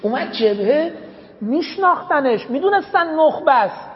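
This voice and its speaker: A male religious speaker telling an emotional story as a sermon, in a dramatic, impassioned manner. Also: big pitch swings. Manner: dramatic, impassioned storytelling with sudden rises in pitch and volume. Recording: echoey hall, dull lo-fi sound.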